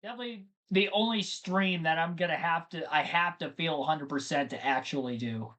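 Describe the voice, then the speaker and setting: Slightly high, slightly fast, and a little bright, a man's voice carries a live race stream. He rambles in a chatty way to his audience, addressing chat directly in the gaps between race updates.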